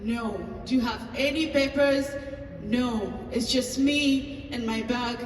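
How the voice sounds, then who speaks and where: A woman's voice: fairly high pitch, slow pace, a little hiss or hum. Tanzanian woman telling a story in an echoey hall. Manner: storytelling, acting out dialogue with hesitant fillers. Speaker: pastor. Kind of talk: personal story at a table talk. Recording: echoey hall from far off, faint ambience.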